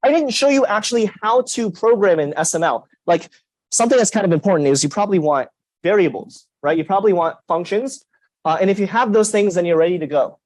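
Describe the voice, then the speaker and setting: A young man lecturing a university class, lively and emphatic, putting questions to the students. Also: high-pitched, fast talker, dry recording, low-quality recording. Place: lecture hall.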